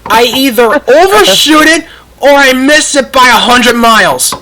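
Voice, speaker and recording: An excitable player chatting casually and exclaiming while playing a game in a voice call. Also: sits high, a little slow, noisy background. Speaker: player in a group gaming video. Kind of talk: casual gaming chat and reactions.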